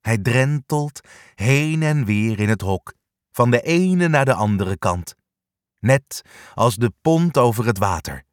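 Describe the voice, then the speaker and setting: A man reading a children's storybook aloud, slow and unhurried. His voice swings widely in pitch as he brings the narration to life. The recording is dry and close with no room sound. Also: no echo. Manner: expressive, animated reading.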